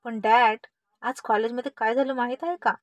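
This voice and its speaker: A woman's voice: fairly high pitch, normal speed, dry recording, highs cut off, close to an everyday voice. A woman voicing a cheeky teasing little sister. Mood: excited. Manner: teasing, excited.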